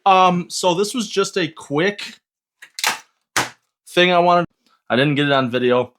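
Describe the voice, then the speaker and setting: A man's voice: sits high, expressive, measured pace, noisy background. A young man vlogging casually about 3D printing, rambling and hesitant with lots of filler words. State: hyped on an energy drink. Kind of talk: casual vlog talk.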